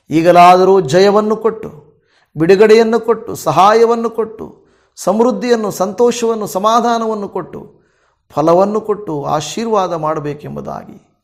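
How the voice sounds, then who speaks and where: A male pastor with a Kannada accent leading a fervent spoken prayer, pleading in phrases that swell and fall. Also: high-pitched.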